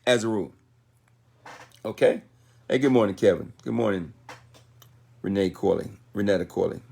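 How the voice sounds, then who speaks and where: A gravelly, mellow, slightly rough voice, fairly low and moderately paced, comes from an American man in his sixties. He's a motivational business speaker on a livestream, talking in a folksy, colloquial style and repeating phrases for emphasis.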